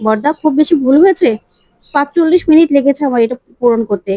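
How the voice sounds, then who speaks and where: A woman's voice: sits high, fast, dark tone, no echo, lightly acted. A woman voicing a defiant young woman from a slum, who pleads her innocence in a story retelling.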